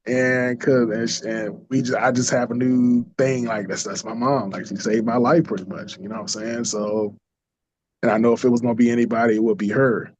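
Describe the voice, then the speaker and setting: A man telling a personal story in a casual interview, lively, laughing often and acting out the voices of people he quotes. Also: medium pitch, a little fast. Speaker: interview guest. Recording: dull lo-fi dry sound.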